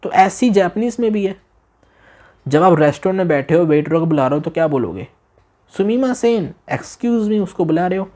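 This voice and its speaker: A man teaching a beginner language demo class, repeating phrases slowly, asking the listener questions and exaggerating his tone to show meaning. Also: on the high side, a little mellow. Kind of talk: demo class lesson taught in Hindi.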